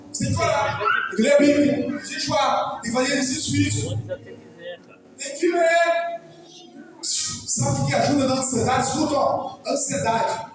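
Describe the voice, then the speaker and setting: High-voiced Brazilian pastor in an echoey hall. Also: male voice. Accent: Brazilian Portuguese. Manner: chatty, repetitive, keeps addressing the congregation directly. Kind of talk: informal sermon. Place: church hall. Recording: echoey hall, distant mic, noisy.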